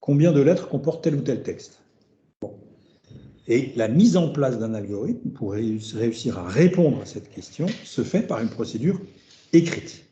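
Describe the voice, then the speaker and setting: Very dark-voiced man lecturing, roomy. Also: mid-range voice, animated, moderate pace. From France. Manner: thinking aloud, repeating words and tagging phrases with "hein". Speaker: researcher giving a seminar lecture. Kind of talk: academic lecture. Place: seminar room. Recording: roomy, dull lecture-room recording.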